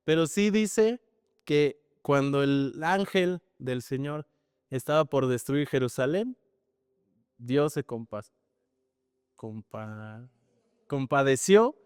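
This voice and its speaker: A man's voice: mid-range voice, slow pace, pauses often, clear, resonant tone, no room sound, clean studio sound, big-room sound. A man preaching a sermon in a conversational, storytelling way, often tagging his sentences with questions. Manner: conversational, frequent tag questions, animated storytelling.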